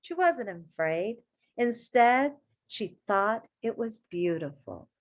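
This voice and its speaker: Her voice fairly high in pitch, a woman reads a children's tale aloud as an elementary teacher might, full of expression and encouragement. She emphasizes words on purpose and speaks directly to her young audience now and then.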